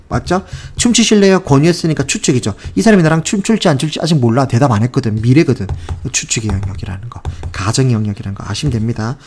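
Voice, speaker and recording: A man's voice: medium pitch, a little mellow. A man teaching English grammar in casual Korean, speaking with passion and exasperation and mixing in English phrases. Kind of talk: casual spoken lesson.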